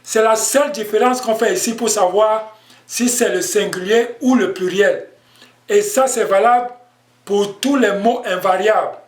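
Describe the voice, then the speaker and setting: A man's voice: high-pitched, echoey room. A man teaching an online language lesson, explaining patiently and repeating himself. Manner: slow, patient explaining with repetitions.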